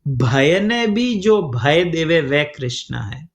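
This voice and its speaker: Slow sing-song preacher. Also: male voice, a little high, very animated. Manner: slow, sing-song storytelling with Sanskrit verses and acted voices. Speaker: preacher telling scripture stories. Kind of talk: devotional story sermon. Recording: dull lo-fi recording.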